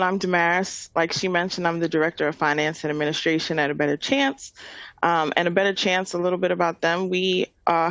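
A woman's voice: fairly low pitch, fairly bright tone, no echo. A middle-aged woman with a New York accent presents to an online audience. She explains things step by step in an informal webinar style, often checking in as she goes. The sound is dry and close, with very little room. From Queens, New York City, USA. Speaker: webinar presenter, nonprofit finance director.

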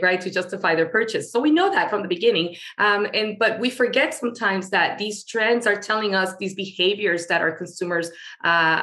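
Eager, bright-voiced woman guest. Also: lowish voice. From Venezuela. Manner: eager, talkative, with frequent fillers. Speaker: guest, marketing storyteller. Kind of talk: podcast interview.

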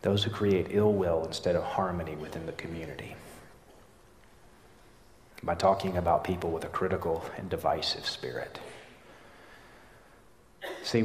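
A man preaching a sermon as a pastor, emphatic, sometimes pushing hard and sometimes dropping low. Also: darkish tone, slight background noise. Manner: emphatic preaching, rising and falling in intensity. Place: large church hall. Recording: echoey church hall, roomy reverb.

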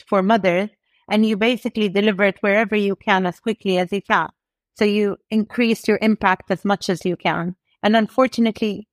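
Woman guest on a podcast, mid-pitched, talks upbeat and sure of herself, dry close mic. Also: dry recording. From United Kingdom. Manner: enthusiastic, articulate, emphatic. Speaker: guest, e-commerce executive. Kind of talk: podcast interview.

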